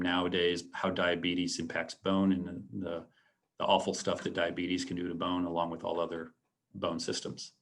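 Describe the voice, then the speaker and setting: Low-voiced man giving a halting talk. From San Antonio, Texas. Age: late 40s. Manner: halting, many ums and restarts; earnest, reflective. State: a little choked up. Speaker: alumnus guest speaker. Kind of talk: presentation to students.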